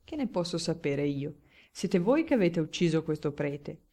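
A woman's voice: deep voice, sing-song, moderate pace, mellow. A woman voicing a guarded young male baron in an audiobook, answering in a terse, dryly evasive manner. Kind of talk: audiobook character reading.

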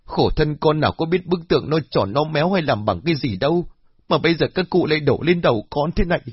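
A distraught young village woman pleads and swears she is innocent, her raised voice cracking with tears, as a male narrator puts her on. The voice is husky, and the recording is dull and lo-fi. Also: fairly high pitch, expressive, fast talker, no echo, voice pushed up. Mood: tearful pleading.

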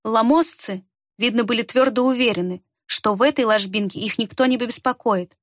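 A woman reading a fantasy story aloud in a steady, measured narration. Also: on the high side, dry recording, clean studio sound. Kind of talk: scripted audiobook narration.

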